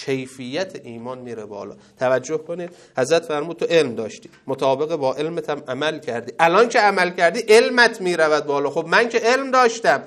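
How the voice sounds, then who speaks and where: A man teaching seminary students in a religious ethics lecture, reciting Arabic sayings and explaining them, with loud stresses and quiet asides. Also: medium pitch.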